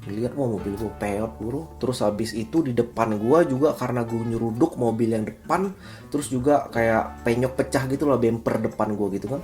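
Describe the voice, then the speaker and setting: A man in his thirties from Indonesia, telling a personal story in a casual, slangy, animated vlog style. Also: mid-range voice, normal speed. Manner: chatty, slangy, animated retelling with acted quotes. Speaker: vlogger. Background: faint guitar music.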